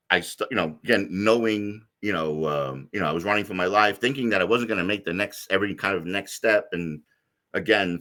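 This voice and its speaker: A middle-aged man from the United States telling a personal story as an interview guest, rambling with many fillers and restarts in a deep voice. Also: sharp tone. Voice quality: deep low voice.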